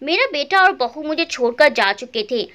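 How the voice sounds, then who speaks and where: A woman's voice: high-pitched, lively intonation, normal speed, sharp tone. Emotional woman telling a family story. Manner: emotional, plaintive. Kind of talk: scripted first-person story narration.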